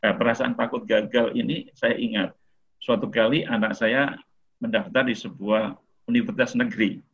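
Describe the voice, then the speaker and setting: A man's voice: lowish voice, fairly even intonation, normal speed, a little hiss or hum. A middle-aged man giving a casual lecture to an online audience as a webinar speaker, talking in a conversational way with frequent "eh"s and light chuckles. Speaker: webinar speaker on mental health. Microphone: video call. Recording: muffled lo-fi video-call audio.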